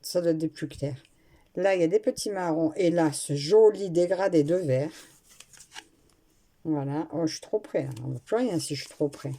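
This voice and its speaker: A woman's voice: low-pitched, normal speed, dark tone. A woman chatting casually while unboxing a craft kit at home, talking with hesitations and restarts into a nearby camera mic. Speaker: craft vlogger. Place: at home, indoors.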